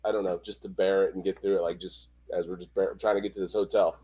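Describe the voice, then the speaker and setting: A man's voice: low voice, flat delivery, fast talker, warm tone, husky. A man chatting casually on a livestream as a host, with a teasing, wry manner. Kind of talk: casual group chat on a livestream.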